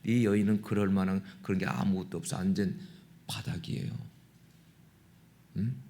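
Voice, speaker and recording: A man preaching a Sunday sermon as a pastor, emphatic and prodding his listeners with rhetorical questions, swinging from loud exclamation to hushed intensity. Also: low-pitched, steady tone, normal speed.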